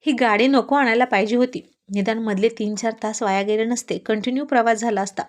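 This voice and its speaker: Storybook voice: a woman playing a gruff young man, curt, easily annoyed, dryly sarcastic. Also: fairly high pitch, steady tone, brisk, natural voice. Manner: curt and dry, mildly sarcastic.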